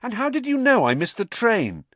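A reader voicing a pitiful, servile male house elf who talks in a squeaky, fretful, pleading way. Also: sing-song, moderate pace, a bit bright, no echo. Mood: miserable pleading.

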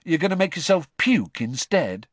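A man's voice: a little high, big pitch swings, normal speed, no echo, voice pushed up. A man voicing an exasperated, incredulous teenage schoolboy in a storybook reading.

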